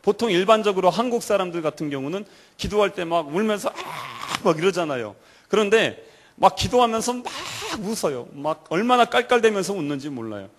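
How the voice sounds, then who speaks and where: Higher-voiced man preaching a sermon. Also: lively intonation, brisk. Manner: storytelling, asks the audience direct questions. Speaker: pastor. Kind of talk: sermon to a church youth service.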